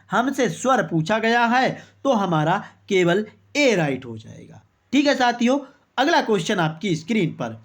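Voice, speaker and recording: A chatty online teacher running a quiz-style exam-prep lesson. The voice reads each answer option aloud as a rhetorical question, then settles on the right one with a quick "okay, exactly". Viewers are addressed throughout as brother and friends. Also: medium pitch.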